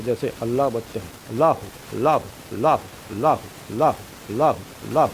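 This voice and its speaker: A man's voice: mid-range voice, poor audio. Man giving a spiritual discourse over hiss. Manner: explains slowly with repetition, chants sacred names. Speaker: spiritual teacher. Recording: hissy recording. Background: steady hiss.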